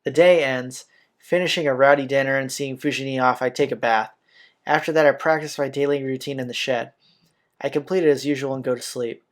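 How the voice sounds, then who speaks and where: A man hosting a video game playthrough reads a visual novel's narration aloud, fairly quickly, in a steady, medium-pitched voice, sometimes stumbling over words. The game's soundtrack music plays behind him.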